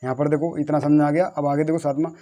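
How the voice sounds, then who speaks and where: A male teacher with a somewhat high voice leads a patient spelling lesson. He repeats each word several times and spells it out one letter at a time. He keeps asking his pupils questions and answering them himself. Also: little pitch movement, dark tone, a little hiss or hum. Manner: repetitive, drills words slowly letter by letter. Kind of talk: classroom-style lesson on English spelling.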